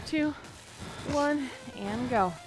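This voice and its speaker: With workout music behind her and a rough recording quality, a young woman's high voice draws out her words. She's a fitness instructor leading aerobics on a covered wooden deck by a pond, motivating the group with countdowns and cheers.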